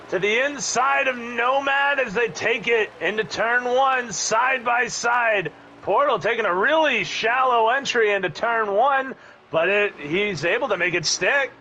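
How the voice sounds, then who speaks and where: Bright, high-voiced man calling a race. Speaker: race commentator. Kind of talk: live play-by-play sim racing commentary. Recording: dull lo-fi audio with faint background noise.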